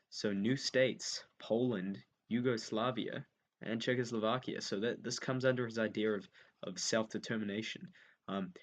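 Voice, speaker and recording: Young male tutor, low voice, off-the-cuff revision lesson, hesitant and repetitive as he writes notes, dull lo-fi sound. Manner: thinks aloud with many ums, repeats key points as he writes them down. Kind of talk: unscripted revision lesson while writing notes.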